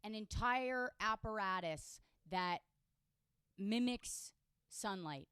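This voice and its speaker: A woman's voice: mid-range voice, expressive, slow, fairly bright tone, clear, resonant tone, no echo, studio quality. A woman co-hosting a casual comedy podcast, playful and emphatic with a mock-serious delivery. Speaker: podcast co-host.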